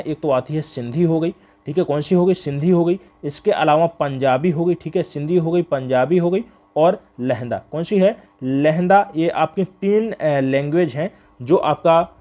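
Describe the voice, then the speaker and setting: A man with a somewhat high, mellow voice teaches a Hindi grammar exam revision lesson. He repeats each answer back to his students as a question and checks in often, using frequent fillers.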